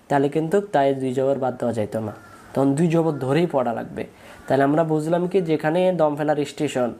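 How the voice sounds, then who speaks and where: A man with a Bangladeshi Bengali accent gives a spoken Quran recitation lesson, patiently drilling syllables and having his pupils repeat after him. His voice sits at a medium pitch with a somewhat dark tone.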